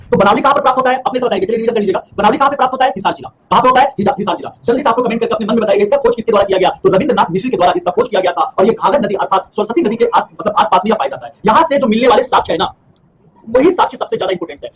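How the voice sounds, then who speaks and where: Fast-talking high-voiced male teacher. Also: slight background noise, low-quality recording. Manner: quizzes by asking and answering his own questions; repeats key terms for revision. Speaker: history teacher. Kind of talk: online class lecture.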